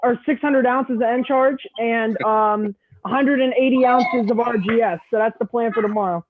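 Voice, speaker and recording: A man's voice: very high voice, fairly even intonation, slight background noise. A man hosting a live online chat who sounds like he's talking into a tin can through a poor earbud microphone. He talks casually and gets flustered while fumbling with his gear. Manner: flustered, fumbling with gear, quick "hold on" asides. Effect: tinny tin-can sound from a poor earbud mic. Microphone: wireless earbuds. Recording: dull, tinny earbud-mic audio.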